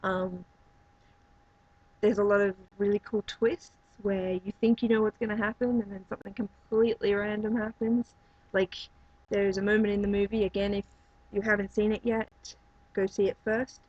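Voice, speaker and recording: Woman reviewer, chatty and meandering, slightly raspy tone, muffled low-fi recording. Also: flat delivery, normal speed, a little mellow, dry recording. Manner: rambling, many fillers and restarts. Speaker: movie reviewer. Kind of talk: casual spoken review.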